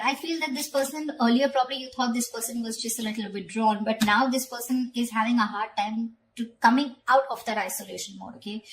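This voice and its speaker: Speaking straight to the viewer, a tarot reader with a slightly high voice chats through a reading, repeating phrases and tossing in short tag questions to check in. The audio is poor, with slight background noise.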